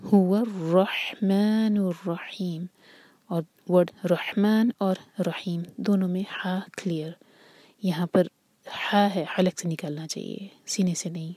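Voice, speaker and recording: A woman teaching tajweed, reciting words slowly and drawn out, then explaining the rules in a soft, often whispery voice. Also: on the low side, steady tone, breathy edge, no room sound. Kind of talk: tajweed lesson, slow demonstrations then explanation.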